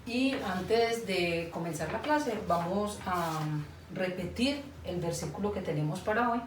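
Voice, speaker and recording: Lady doing sunday school for little kids, slow patient talk, echoey far-off mic. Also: lowish voice, animated. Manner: slow, patient, asks children for agreement. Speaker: children's Sunday school teacher. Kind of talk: Bible lesson for small children. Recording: echoey room, far from mic, faint noise.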